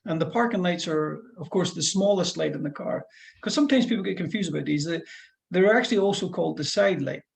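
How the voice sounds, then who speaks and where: A middle-aged driving instructor with a Fife Scottish accent talks fast in a high, gravelly voice. During a one-to-one lesson over a call, he explains things in a chatty, rambling way, restarting often.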